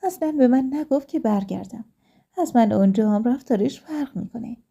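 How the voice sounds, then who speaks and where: A woman's voice: fairly high pitch, animated, gravelly, dark tone, husky, muffled recording, heavily acted. A woman voicing a young adult daughter who speaks earnestly and firmly in a told story. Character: young woman, daughter, cheerful but firm.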